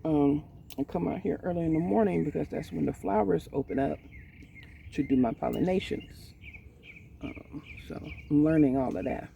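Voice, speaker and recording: Woman, 40s, dark gravelly voice, slow and hesitant, recorded outdoors on a distant mic. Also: low-pitched, lo-fi sound, slight background noise. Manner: hesitant, with many pauses and ums. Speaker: vlogger. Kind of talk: candid personal talk. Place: outdoors in a garden. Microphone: poor mic set away from the speaker.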